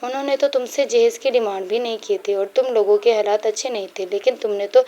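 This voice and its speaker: Narrator voicing an accusing young husband, grieving and harsh, mellow high-ish voice. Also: female voice, close to an everyday voice. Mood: bitter. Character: grieving, bitter young husband turned violent.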